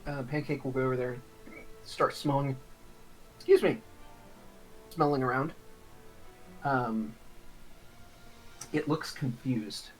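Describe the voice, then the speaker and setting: A man's voice: mid-range voice, slow pace, long pauses, faint music behind, rough recording. A man running a tabletop game as game master, easygoing and chuckling between rulings.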